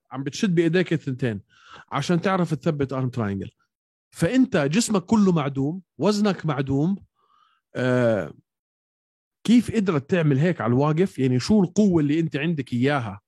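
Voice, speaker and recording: A man's voice: on the high side, darkish tone, slightly rough, dry recording, clean studio sound. A man with a Levantine Arabic accent co-hosting a casual sports chat, explaining technique in everyday words. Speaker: co-host of an MMA podcast.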